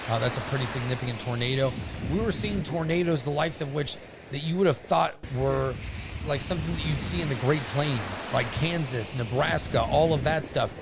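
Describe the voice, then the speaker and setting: A man hosting a livestream, giving casual storm commentary in an informal, halting way, often pausing to hesitate. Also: fairly high pitch, noisy background. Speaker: livestream host covering a hurricane.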